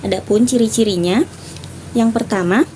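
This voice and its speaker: A young woman presenting a class topic, reading her points in a steady list. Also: on the high side, normal speed, slight background noise. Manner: steady listing of points, clears throat. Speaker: student presenter.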